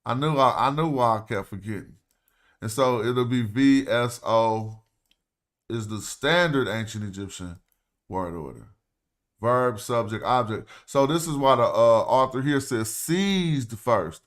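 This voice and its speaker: A man's voice: mid-range voice, lively intonation, a little slow. Dude on a stream breaking down hieroglyphs, super casual, talks as he thinks. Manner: loose and conversational, thinks aloud, slangy. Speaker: host. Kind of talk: casual livestream walkthrough of hieroglyph texts.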